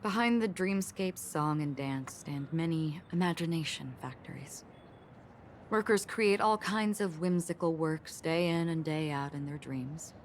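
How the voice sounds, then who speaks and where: A woman voicing a calm, cryptic young swordswoman in a game cutscene, speaking in a soft, even, measured way. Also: sits low, a little hiss or hum. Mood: calm, distant. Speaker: game character voice. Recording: game audio under a score. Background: game music.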